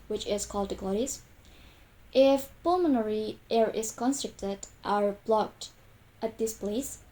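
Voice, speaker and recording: A young woman gives a class presentation in a slow, measured way. Her voice is fairly high yet mellow and dark in tone. She repeats each example sound several times with care. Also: low-quality recording. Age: young adult. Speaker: student presenter.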